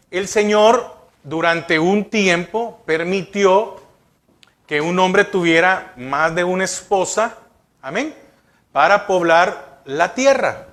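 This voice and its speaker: A man's voice: sits high, a bit bright. A male pastor preaching a sermon, asking the congregation rhetorical questions.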